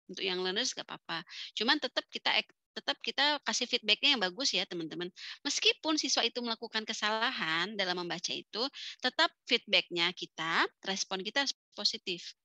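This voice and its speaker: A young woman with an Indonesian accent lectures a class over a video call, chatty and quick to laugh as she mixes English into her talk. Her voice is bright and clear. The sound is close and dry, with no room around it. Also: medium pitch, animated, dry recording.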